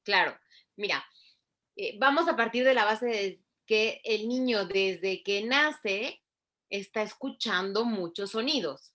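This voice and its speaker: Woman, speech therapist, bright tone, patient teacherly explainer. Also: medium pitch. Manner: clear, didactic, spells out sounds slowly. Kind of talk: explaining in an interview.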